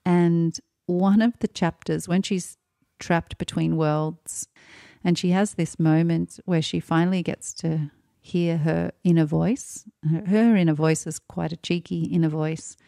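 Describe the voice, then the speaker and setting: A woman's voice: lowish voice, fairly even intonation, a little slow, vocal fry, dark tone, dry recording, clean studio sound. A woman hosting a solo podcast, talking in a light-hearted way. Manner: light-hearted, laughs between thoughts. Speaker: podcast host.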